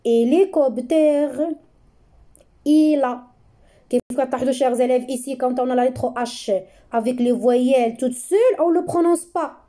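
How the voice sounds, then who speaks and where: A woman's voice: high voice, normal speed, dark tone. A woman giving a reading lesson, patiently drawing out each syllable and repeating every sound for her pupils. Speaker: reading teacher.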